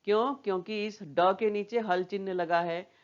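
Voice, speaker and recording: Slow, patient woman teaching small children. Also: mid-range voice, fairly even intonation, dull audio. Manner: patient, repeats words and asks questions back to children. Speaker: primary school teacher. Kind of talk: slow classroom lesson for young children.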